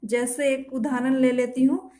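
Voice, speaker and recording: A woman's voice: high voice, flat delivery, mellow. A woman teaching shorthand step by step, repeating each sound and quizzing the listener as she writes. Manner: slow, repeats each sound and asks "what to read?". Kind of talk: step-by-step spoken lesson while writing. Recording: echoey room.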